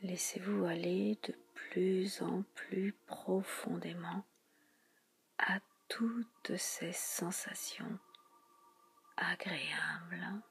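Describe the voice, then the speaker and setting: A woman leads guided relaxation in a soothing spa whisper. Her voice is very breathy and husky, with a creaky fry underneath. She speaks slowly and hushed, repeating soft phrases and leaving frequent pauses. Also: on the low side, fairly even intonation.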